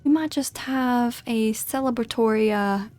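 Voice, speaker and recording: Soft music plays in the background while a woman narrates her video game playthrough, giggling and chatting as she role-plays and describes her character's feelings. Her voice is a little high and a little mellow, with a measured pace.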